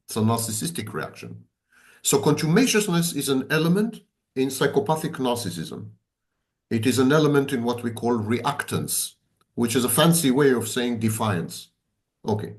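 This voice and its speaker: A man, speaking as a psychology expert in an emphatic, repetitive, sardonic conversational lecture. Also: medium pitch. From Israel.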